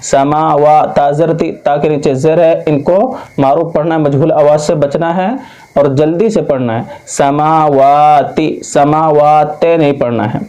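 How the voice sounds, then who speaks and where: A man from Jharkhand, India, teaching Quran reading, spelling out letters and vowel marks and then drawing each word out slowly. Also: a little high, mellow. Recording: dull lo-fi sound.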